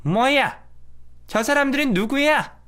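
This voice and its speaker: A man voicing a domineering older mother-in-law in a radio drama story, shrill and sharp-tongued. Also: lively intonation, measured pace, clear, resonant tone, heavily acted. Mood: scolding.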